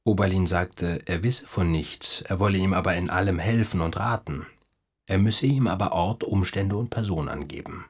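A man narrating a literary audiobook in a measured, even storytelling manner. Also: low voice, husky.

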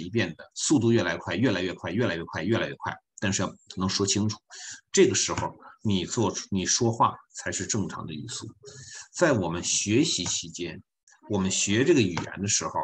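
A man teaching an online French class, folksy and joking, repeating his points. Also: deep voice.

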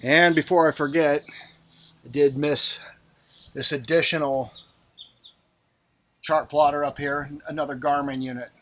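A man narrates a relaxed boat tour, talking to his viewers as he walks from the deck into the cabin. His voice sits a bit high for a man, and the delivery stays easygoing and conversational. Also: a little slow, long pauses. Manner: relaxed, talks to viewers while walking around. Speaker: yacht broker giving a boat tour. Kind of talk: casual walkthrough narration. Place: on a boat, outdoors then in the cabin.

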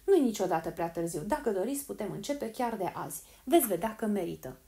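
A woman's voice: mid-range voice, expressive, mellow, natural voice. A woman reading the lines of a cold, persuasive male agent who sells time savings, calculating and coaxing in an audiobook.

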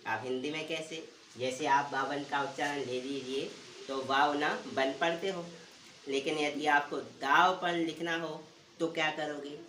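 A male teacher giving a pronunciation lesson, asking questions and answering them himself and repeating words slowly. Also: on the high side, steady tone, bright, forceful tone, far from the mic, slight background noise. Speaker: English teacher. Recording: roomy echo, voice from off the mic.

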